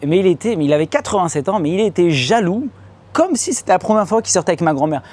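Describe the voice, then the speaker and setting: A young man from France tells his stand-up story on a comedy club stage. He speaks in casual street slang, addresses the crowd directly, and breaks into loud, high-pitched voices when he acts out scenes. His voice sits a little high for a man. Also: very animated, fast talker. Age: young adult. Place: comedy club stage before a live audience.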